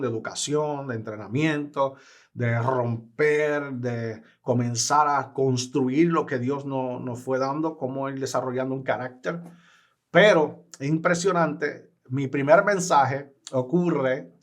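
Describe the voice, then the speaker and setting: A man, a guest evangelist telling his personal testimony in an earnest, emphatic way. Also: on the high side.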